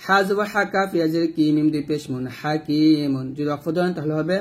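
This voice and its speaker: A man with a slightly high voice teaches Quran reading step by step, spelling out the letters and vowel marks before reciting them in a slow, drawn-out way.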